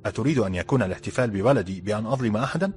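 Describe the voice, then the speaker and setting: Storybook role: male narrator doing an authoritative ruler, low voice, formal delivery. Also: racing, darkish tone, soft background music, lightly acted. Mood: indignant. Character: stern powerful male ruler, commanding.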